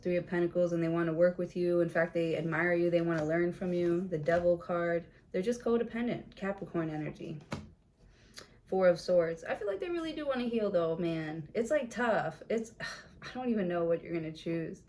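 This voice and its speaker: A woman's voice: on the low side, moderate pace, a little mellow. A woman giving a casual tarot reading, blunt and chatty with plenty of swearing, in a room with a window open. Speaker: tarot reader.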